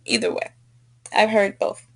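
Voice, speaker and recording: A woman tutor giving spoken feedback on a student's English, slow and patient, repeating the corrected phrases. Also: a little hiss or hum. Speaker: language tutor. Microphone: computer microphone, screen recording.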